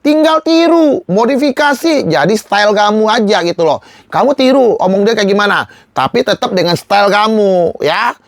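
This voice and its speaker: A young man with a noticeably high voice talks viewers through a slide tutorial in a casual, slangy way. He is emphatic, answers his own rhetorical questions and keeps circling back to reminders. The recording is close and dry, with no room sound. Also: animated, moderate pace, no echo. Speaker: live-selling coach. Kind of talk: slide-based tutorial talk.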